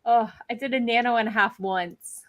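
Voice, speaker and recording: A woman's voice: on the high side, steady tone, normal speed, lo-fi sound. A middle-aged woman hosting a casual livestream, chatting and cheering on viewers' comments. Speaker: livestream host. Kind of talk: casual chat.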